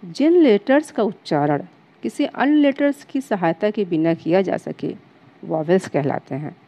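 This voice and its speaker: A woman lecturer teaching a grammar lesson to students. She reads English definitions slowly, as if dictating, then explains them patiently. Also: fairly low pitch, lively intonation, mellow, low-quality recording. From India.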